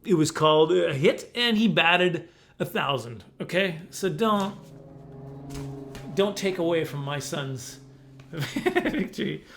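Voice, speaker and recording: A man's voice: fairly high pitch, lively intonation, slow, vocal fry, long pauses, over music. A middle-aged man telling comic stories, defensive in mock fashion and repeating himself for laughs. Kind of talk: comic storytelling monologue.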